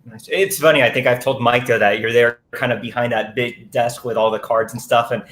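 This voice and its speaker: A man's voice: medium pitch, fairly even intonation, fairly quick, fairly bright tone. A man co-hosting a casual chat, easygoing and joking as he runs the questions. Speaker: co-host.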